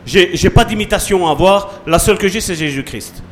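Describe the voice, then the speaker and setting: A man preaching a sermon as pastor, swinging between soft asides and loud calls to the congregation. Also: high-pitched, fairly quick, slight background noise.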